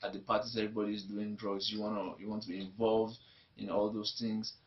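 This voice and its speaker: Fast and with little pitch movement, this young Nigerian man's voice sits on the low side and carries a Nigerian accent. He reflectively recounts his life in an interview as personal testimony, often repeating himself. The audio is a dull lo-fi recording.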